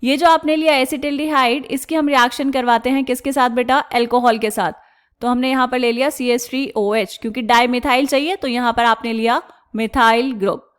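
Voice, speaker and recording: A woman teaching chemistry step by step, asking questions and answering them herself, and drawing out technical terms slowly. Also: sits high, steady tone, smooth. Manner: asks the class questions and answers them herself, calls students "beta"; slows down and stretches out technical terms. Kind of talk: explaining step by step on a board.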